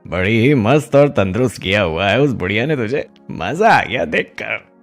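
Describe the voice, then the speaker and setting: A man's voice: lowish voice, sing-song, moderate pace, creaky, faint music behind. A man voicing a greedy, scheming young man who coaxes and schemes in a cartoon story. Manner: coaxing, sly.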